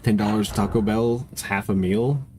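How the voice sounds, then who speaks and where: Congested male streamer, low voice, swears and jokes through casual play-by-play. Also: fairly even intonation, moderate pace, darkish tone, a little hiss or hum. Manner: profane, joking banter. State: congested nose. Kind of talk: casual gameplay commentary.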